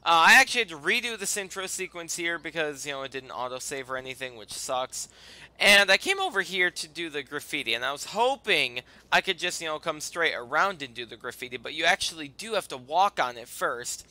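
A man giving casual, halting and rambling commentary over a video game as its host. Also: on the high side, expressive, sharp tone, no echo, poor audio. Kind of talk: casual let's play commentary.

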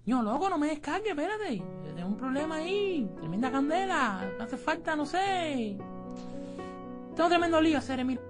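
A squeaky hotheaded Cuban guy. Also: very animated, moderate pace. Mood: pleading. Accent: Cuban Spanish. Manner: whiny pleading, then yelling in a rage. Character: excitable heartbroken young man, broke and hotheaded. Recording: music playing underneath.

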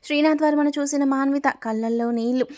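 A woman's voice: high voice, steady tone, fast, a little mellow. A woman narrating a family story, reading every character's lines in her own voice. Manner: reads all dialogue in her own narrating voice; breaks off to ask viewers for likes.

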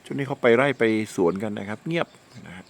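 A man's voice: mid-range voice, very animated, fast, creaky. A man talking bluntly and at length as a travel vlogger, narrating casually outdoors on a rural mountain road. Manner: blunt, talkative, uses polite particles. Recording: loud wind noise on the mic.

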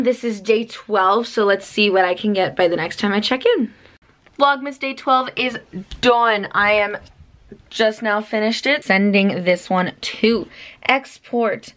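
A woman's voice: a little high, measured pace, a bit bright. A teenage girl chatting casually in a vlog, talking through her day with lots of fillers and giggles. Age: teens. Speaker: vlogger.

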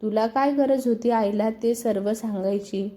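A woman's voice: fairly high pitch, moderate pace, dark tone, close to an everyday voice. A woman reading a storybook, voicing a sulky, stubborn young wife who gives curt, defensive replies.

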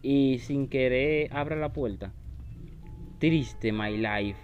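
A man's voice: mid-range voice, slow pace, muffled recording, soft background music. A man commenting on a horror game he is playing, taunting the enemy and shrieking when startled. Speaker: gaming YouTuber.

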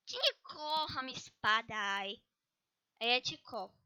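A woman's voice: fairly high pitch, big pitch swings, takes it slowly, pushed and bright, clean tone, poor audio. A young woman chatting casually as she plays a chatbot game, reading typed lines aloud in an exasperated, playful way, with keyboard clicks nearby. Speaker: gaming youtuber.

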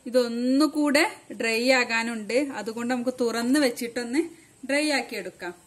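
A woman's voice: fairly high pitch, moderate pace. Woman hosting a home cooking tutorial. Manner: friendly step-by-step instructions. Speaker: cooking channel host. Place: home kitchen. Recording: echoey kitchen with faint noise.

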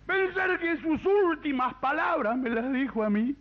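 A man voicing a drunk bricklayer who wails and shouts in grief, on a muffled 1970s TV broadcast. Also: extremely high pitch, lively intonation, a little slow, voice pushed up. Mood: wailing. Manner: wailing, shouting.

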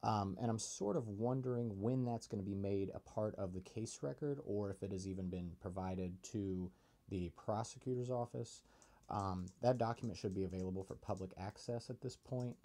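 A man leaving a voicemail, hesitant with many ums, reading numbers out slowly over the telephone. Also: fairly low pitch, dark tone. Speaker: caller.

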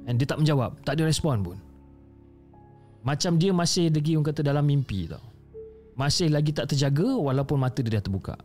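A man's voice: fairly high pitch, animated, a little fast, a little mellow, soft background music. A man with a Malaysian accent reading a listener's horror story in a chatty, conversational way, often addressing the listener by name.

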